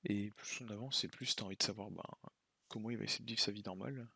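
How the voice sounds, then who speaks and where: Gravelly, husky young-sounding man rambling casually. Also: fairly low pitch, steady tone, fast talker, sharp tone, no echo. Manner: offhand, slangy, rambling. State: tired late at night. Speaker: YouTuber ranking anime. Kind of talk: casual tier-list commentary.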